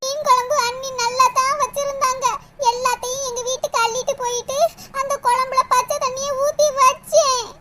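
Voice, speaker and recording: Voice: very high voice, level tone, normal speed. Whiny scheming sister-in-law. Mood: sulky. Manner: whiny, pleading. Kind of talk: cartoon dub acting. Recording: loud background noise.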